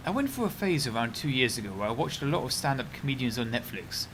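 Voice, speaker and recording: Chatty young gaming streamer. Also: male voice, mid-range voice, big pitch swings, fast, fairly bright tone, a little hiss or hum. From United Kingdom. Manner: rambling, chatty, breaks off to react to the game. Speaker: game streamer. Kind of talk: casual gameplay commentary.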